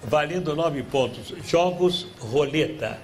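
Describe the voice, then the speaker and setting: Um homem brasileiro apresentando um programa de auditório ao vivo, lendo pistas devagar e provocando as participantes. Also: male voice, a little high, animated. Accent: Brazilian Portuguese. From Brazil. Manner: reads clues slowly, teasing contestants. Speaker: game show host. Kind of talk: live TV game show hosting. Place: TV studio with live audience. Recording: clear background noise from a TV studio.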